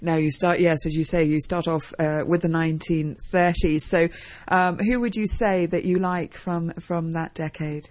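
A woman interviewing, asking gentle prompting questions. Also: fairly low pitch, fairly even intonation, moderate pace, hardly any pauses.

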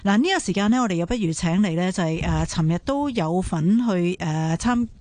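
Female current affairs radio host, Hong Kong Cantonese accent, lower-toned, dry close sound, conversational questioning. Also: lively intonation, fairly quick, darkish tone, no echo. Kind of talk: current affairs interview with hesitant, spontaneous questions.

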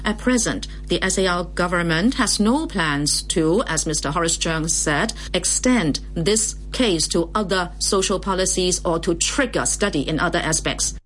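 A woman's voice: on the low side, lively intonation, moderate pace, hardly any pauses, fairly bright tone. A woman speaking as a live interpreter, translating a speech as it is given. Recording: noisy feed with hum.

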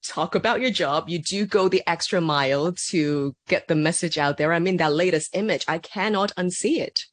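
A woman's voice: fairly low pitch, moderate pace, dry recording. A woman radio interviewer, enthusiastic and teasing with her guest.

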